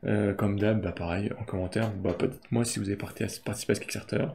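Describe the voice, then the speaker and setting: Man, casual unboxing chat, rambling with fillers, low gravelly voice. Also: fairly even intonation, fast, warm tone, a little hiss or hum. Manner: rambling, many fillers and restarts. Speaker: board game video host.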